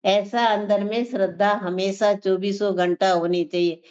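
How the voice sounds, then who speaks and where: A woman giving a spiritual discourse to a class, speaking earnestly and circling back over the same phrases as she teaches. Her voice sits at a middle pitch. The recording sounds muffled and lo-fi. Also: fairly even intonation, unhurried, a little mellow. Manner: earnest, repetitive teaching cadence. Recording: dull lo-fi sound.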